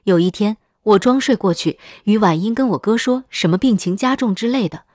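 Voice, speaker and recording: A woman tells a first-person story in a subdued, even voice. Her pitch sits in the middle range. The recording is dry and close to the mic, with no room sound. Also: a little fast, no echo.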